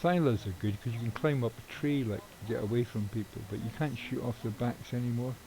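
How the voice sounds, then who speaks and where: A man's voice: medium pitch, fairly quick, crowd noise, rough recording. A middle-aged man streaming a game, chatting casually in a rambling way with offhand swearing. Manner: rambling, swears casually, chuckles at own jokes. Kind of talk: casual live-stream chat while gaming.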